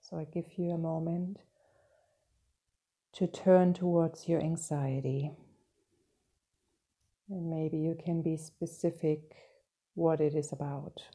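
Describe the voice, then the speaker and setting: A woman guiding a meditation in a slow, soft and soothing manner, with long pauses. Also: sits low, steady tone, breathy edge. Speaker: meditation guide. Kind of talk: guided meditation.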